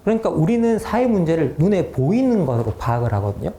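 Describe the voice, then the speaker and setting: A man's voice: fairly high pitch, big pitch swings, quick pace, mellow, echoey room. A man in his fifties giving a public lecture, explaining research findings and posing questions to the audience. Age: 50s. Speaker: lecturer, political philosopher. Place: lecture room.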